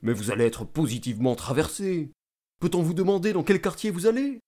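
A man's voice: fairly high pitch, expressive, a little fast, dark tone, voice pushed up. A man voicing a pompous, talkative middle-aged state councillor who lectures and boasts eagerly. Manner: self-important, eager, lecturing.

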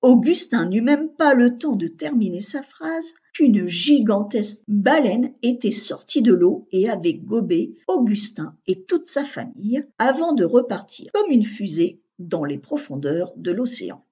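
A woman narrating a children's story with a husky, fairly high voice and an expressive, animated reading. The recording sounds dull and lo-fi. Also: unhurried, few pauses.

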